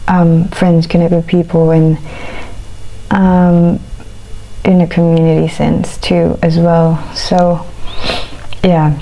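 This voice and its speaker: A woman chewing while talking, in a casual, reflective eat-with-me chat, speaking haltingly in short phrases. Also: fairly low pitch, level tone, mellow, muffled recording, slight background noise. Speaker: vlogger.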